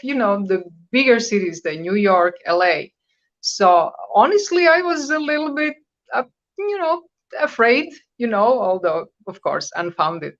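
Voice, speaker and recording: With a muffled recording and a mid-range voice, a woman in her fifties who was born in Croatia and speaks Croatian natively takes questions as a radio interview guest. She talks conversationally, with frequent hesitations while she searches for words.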